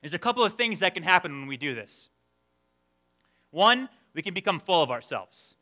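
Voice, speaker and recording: A male pastor preaching a sermon in a church, animated and expressive, breaking into excited asides and imagined prayers. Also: high voice, moderate pace. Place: church sanctuary.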